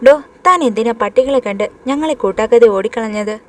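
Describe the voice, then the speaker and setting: A feisty young woman who speaks sharply and quickly takes offense, voiced by a woman storyteller. Her voice is somewhat high, in a storybook horror tale. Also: a little hiss or hum, lightly acted.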